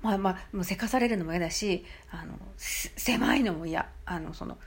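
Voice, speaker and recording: A woman's voice: fairly low pitch, normal speed, husky. A middle-aged woman, chatting alone on her podcast and telling a story with many fillers. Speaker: podcast host. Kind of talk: casual solo talk.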